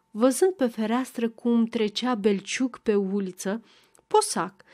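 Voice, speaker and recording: A woman reading a classic novel aloud as a volunteer audiobook narrator, in a measured, even storytelling manner. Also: on the high side.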